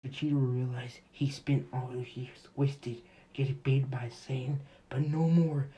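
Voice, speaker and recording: A man's voice: mid-range voice, flat delivery, a little slow, mellow, a little hiss or hum. A young man casually narrating a fan-made story in a rambling, offhand way. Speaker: YouTube storyteller.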